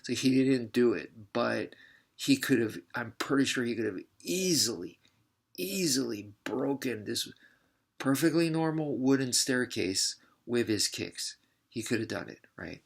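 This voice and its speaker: A man's voice: medium pitch, lively intonation, unhurried, gravelly, slightly rough. A male martial arts instructor telling a personal story in a casual, rambling way, mocking himself and repeating words for emphasis.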